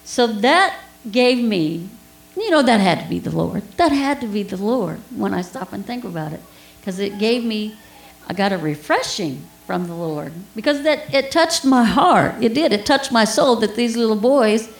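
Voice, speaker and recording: A woman's voice: medium pitch, lively intonation, normal speed, vocal fry, reverberant, poor audio. A woman giving an informal Bible teaching, telling a personal story in a chatty way with laughs and asides.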